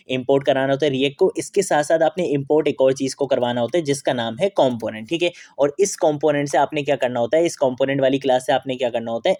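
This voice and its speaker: A man at a mid pitch talks through a coding tutorial step by step. He keeps asking questions and answering them himself. He checks in with the listener again and again, and his voice sounds close and dry. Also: darkish tone, dry recording. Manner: repeats "theek hai" often as a check-in. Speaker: programming tutor. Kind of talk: screen-recorded coding tutorial.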